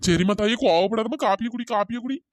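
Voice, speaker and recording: A voice actor playing a tall, exasperated husband in a comic cartoon, bickering and then pleading through a pitch-shifted cartoon voice. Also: quick pace, no echo, clean studio sound. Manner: scolding, then fawning and pleading. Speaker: cartoon character.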